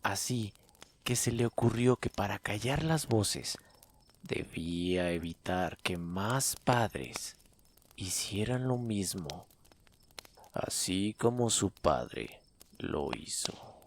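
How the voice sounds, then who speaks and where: Slow, lowish male storyteller. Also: lively intonation. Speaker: storyteller and host. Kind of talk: story narration with personal commentary.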